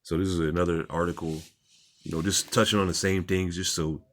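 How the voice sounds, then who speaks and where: A man's voice: low-pitched, little pitch movement, fairly quick. A man reading articles aloud and commenting on them in an informal, repetitive, plain-spoken way, as a religious commentator.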